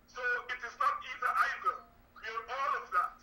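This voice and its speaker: A Guyanese man on a discussion panel, making a measured, argumentative case. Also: extremely high pitch. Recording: roomy, distant mic with faint noise.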